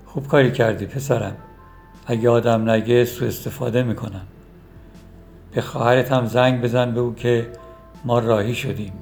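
A man voicing a caring middle-aged mother who keeps urging her son to marry, in a gravelly storybook reading. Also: mid-range voice, steady tone, long pauses, darkish tone, soft background music, close to an everyday voice. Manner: fussing, pleading.

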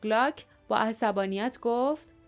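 A woman narrating an adventure audiobook in a steady, expressive storytelling manner. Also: fairly high pitch, faint music behind. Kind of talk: scripted narration.

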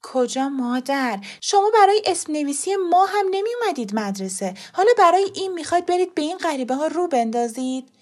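Brief: woman voicing a tense, tearful young mother for an audio story, pitched a little higher. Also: sing-song, hardly any pauses. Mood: upset. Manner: agitated, near tears.

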